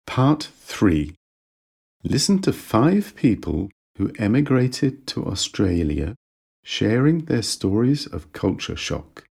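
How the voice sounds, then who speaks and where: A man reading out listening-exam instructions slowly and evenly, then calling out each speaker's name. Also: on the low side, vocal fry, a little mellow, husky. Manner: slow, measured reading of instructions. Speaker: test announcer.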